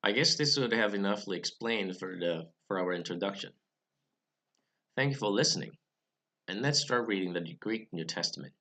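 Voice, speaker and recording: An animated young man, speaking English as a second language, runs a Bible study channel and reads a scripted explanation to camera on approaching Greek scripture. His voice is lowish, pushed and bright, and he keeps a careful, measured pace, sometimes starting a phrase over.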